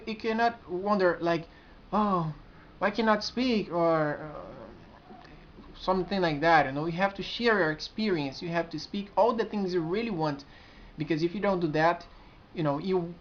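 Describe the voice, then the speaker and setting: In his 20s, a community administrator with a strong Brazilian accent and a high voice makes a casual vlog to camera. He is earnest and searching, often stopping and restarting his sentences. The dull, muffled lo-fi audio sounds like a cheap camera's built-in mic, with slight background noise.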